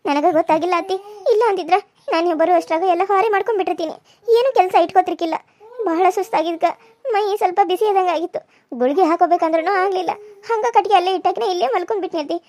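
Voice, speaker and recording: A woman's voice: very high voice, quick pace, darkish tone, no room sound. A woman voicing a meek, overworked young daughter-in-law, who talks in a pleading, apologetic way. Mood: tired. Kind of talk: cartoon voice acting.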